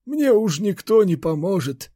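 A man's voice: high voice, sing-song, a little slow, mellow, no room sound, clean studio sound, pitched above the performer's own voice, heavily acted. A man voicing a frail, ailing old grandfather who sounds weary and resigned, in an audiobook.

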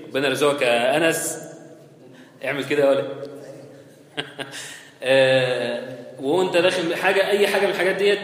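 A man's voice: a little high, fairly bright tone. A man with an Egyptian accent giving a conversational hadith lesson in a mosque, often checking in with his listeners. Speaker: religious teacher. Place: mosque hall. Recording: very echoey hall with long reverb.

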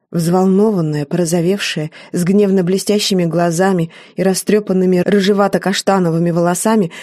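A woman's voice: on the low side, darkish tone, no echo, studio quality. Woman narrating an audiobook, wry. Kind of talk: scripted narration.

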